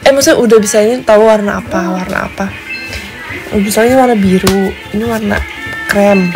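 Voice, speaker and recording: A young woman livestreams on her phone from her bedroom at home, chatting casually with viewers. Her voice is medium-pitched and fairly quick, and she's giggly and talkative, with music in the background.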